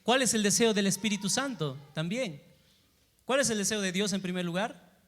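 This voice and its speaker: A man delivers a sermon in a high voice. He keeps asking his congregation questions and answering them, swinging between forceful emphasis and soft asides. The sound carries the long reverb of a church sanctuary. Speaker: pastor.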